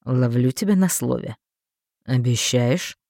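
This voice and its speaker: Woman doing a calm sardonic man. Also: measured pace, vocal fry, no echo, exaggerated voice. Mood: smug. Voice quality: low, dry, mocking. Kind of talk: audiobook character voicing.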